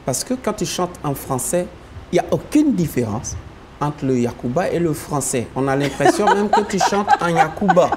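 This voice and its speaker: A man's voice: on the high side, animated, normal speed, background noise. A man whose first language is Yacouba, a gospel singer chatting animatedly as an interview guest, often laughing. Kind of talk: casual interview chat.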